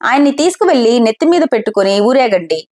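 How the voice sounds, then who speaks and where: Woman narrator doing a sharp-tongued, resentful mother; storybook role, bitter retorts. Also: fairly high pitch, sing-song, fast talker. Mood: bitter scorn.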